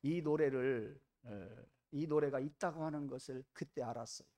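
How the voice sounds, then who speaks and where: A man preaching a sermon, telling a story vividly, with dramatic rises in pitch and loudness. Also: moderate pace. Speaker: pastor. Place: church.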